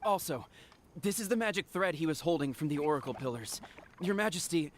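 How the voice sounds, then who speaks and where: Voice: medium pitch, lively intonation, brisk, a little hiss or hum, natural voice. An actor as an earnest royal guard. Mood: dutiful. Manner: formal, deferential reporting. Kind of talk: video game voice acting.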